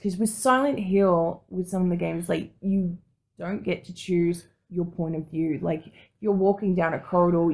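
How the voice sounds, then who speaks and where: On a casual podcast panel, a female co-host offers opinionated, informal remarks and swears now and then. Her voice sits on the low side and sounds a little mellow.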